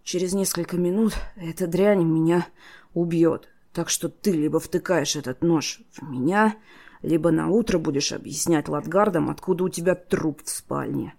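A wounded young apprentice speaks in short, hoarse commands through his pain, as a woman reads him. His voice sits low and gravelly. It is a fantasy audiobook. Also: moderate pace, mellow. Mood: menacing. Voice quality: hoarse, wheezing.

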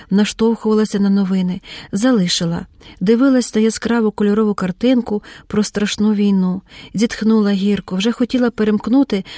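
A woman narrates an audiobook in a measured, expressive way. Her voice sits at an ordinary middle pitch. The recording is very dry and close, with no room sound. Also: dry recording. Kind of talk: scripted narration.

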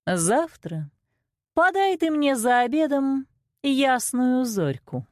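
A woman voicing a cruel old ogress queen who craves human flesh, giving slow, commanding, greedy orders in a storybook. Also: sits high, very animated, a little mellow, no room sound, studio quality, voice pushed up, heavily acted. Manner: greedy, commanding, drawn-out demands.

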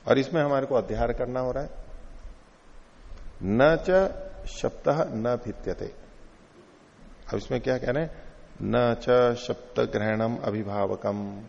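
A man gives a patient philosophy lecture with a gravelly, mellow voice. He works through each point by saying it again in other words and reads out Sanskrit lines slowly. The sound is dull and lo-fi and rings with a long hall reverb. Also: medium pitch. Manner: patient, explains by repeating and rephrasing, quotes Sanskrit slowly. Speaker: teacher of Indian philosophy.

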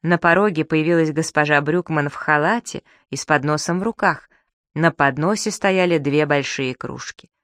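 Storybook narrator; even, steady telling, dry close recording. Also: medium pitch, normal speed, no echo. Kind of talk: audiobook narration.

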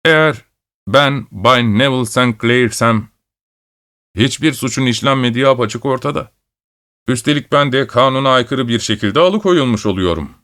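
A man's voice: medium pitch, normal speed, fairly bright tone, natural voice. A man voicing an ashamed, desperate middle-aged man who pleads in anguish.

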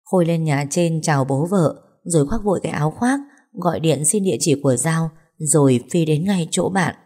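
Female audiobook narrator; low pitch, dark mellow tone, even and steady delivery. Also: normal speed, husky. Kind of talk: scripted story narration.

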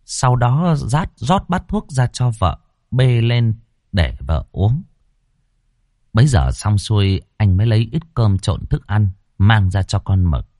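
A man narrating a ghost story in a dramatic, expressive reading style. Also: lowish voice, takes it slowly, no room sound, clean studio sound.

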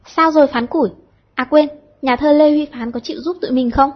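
A woman voicing a teasing, chatty teenage schoolgirl, cheeky and quick-tongued, with a husky tone. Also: fairly high pitch, lo-fi sound.

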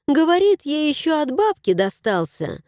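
Woman voicing a cheerful young wife, affectionate, exclaiming, very high, lively pitch, audiobook. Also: moderate pace, no room sound, clean studio sound. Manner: gushing, exclamatory.

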